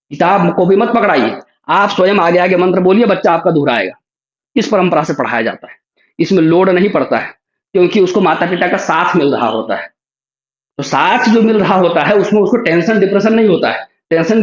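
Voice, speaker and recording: A man teaching an online class, patiently explaining and drawing out sounds slowly to demonstrate them. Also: high-pitched. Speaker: Sanskrit teacher. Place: online group call. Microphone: video call. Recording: roomy, dull lo-fi call audio.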